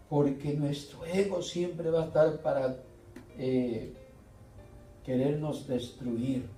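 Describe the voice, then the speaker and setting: A middle-aged man preaching a slow, earnest sermon, often pausing and restarting. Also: medium pitch, creaky, dark tone. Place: church hall. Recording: echoey church room, voice from far off, faint music.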